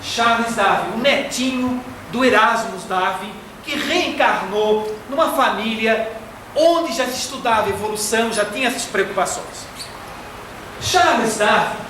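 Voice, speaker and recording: Brazilian man lecturing in an echoey hall. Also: extremely high pitch. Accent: Brazilian Portuguese. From Florianópolis, Brazil. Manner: didactic, slow and deliberate, fond of diminutives. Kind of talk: spiritist lecture. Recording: echoey hall from far off, faint noise.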